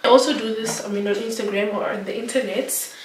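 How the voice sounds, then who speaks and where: A woman's voice: a little high, steady tone, fast, a little hiss or hum. A young woman chatting casually in a home cooking vlog, rambling along with lots of filler words. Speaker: vlogger. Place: home kitchen. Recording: echoey kitchen, distant camera mic, kitchen clatter.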